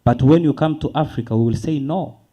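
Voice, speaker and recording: Earnest man, very dark voice. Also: mid-range voice, highs cut off. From Tanzania. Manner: earnest, rhetorical questions, slow emphatic stress. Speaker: panelist. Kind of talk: conference panel remarks.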